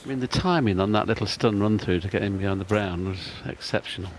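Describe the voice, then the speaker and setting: A man's voice: lowish voice, fast talker, a little hiss or hum. A man giving analytical live snooker commentary as a broadcast commentator.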